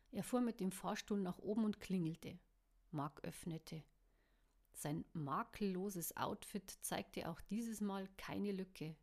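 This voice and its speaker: A woman calmly narrating a story chapter, reading it aloud in an even way. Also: medium pitch.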